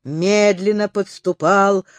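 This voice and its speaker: A man narrating a children's book in an expressive storytelling manner. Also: high voice, slow pace, no echo. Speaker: audiobook narrator.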